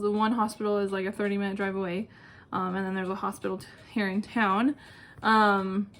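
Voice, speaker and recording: Talking informally to her channel, this young woman answers viewer questions in one unedited vlog take, chatty and self-mocking. Her pitch is medium with a slightly bright quality. She's indoors at home, where a clicking ceiling fan runs and outside voices, possibly neighbors, can be heard.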